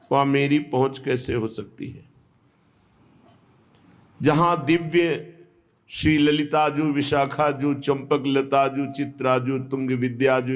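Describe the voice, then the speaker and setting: Slow, reverent male spiritual teacher. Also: mid-range voice. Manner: slow, measured, reverent delivery. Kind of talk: devotional discourse.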